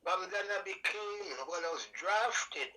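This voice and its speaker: Older Trini calypso man, bright forceful tone, folksy storyteller. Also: high-pitched, unhurried, rough recording. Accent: Trinidad and Tobago. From Trinidad and Tobago. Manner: folksy and animated, sings out sound effects. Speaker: calypso singer guest. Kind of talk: storytelling interview.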